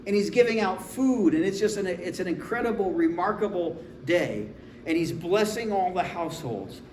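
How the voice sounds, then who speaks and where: Pastor in his 40s preaching, kinda high voice, chatty and jokey, echoey church room with faint hum behind. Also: lively intonation, normal speed, darkish tone. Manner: conversational, humorous storytelling. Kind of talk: sermon. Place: church sanctuary.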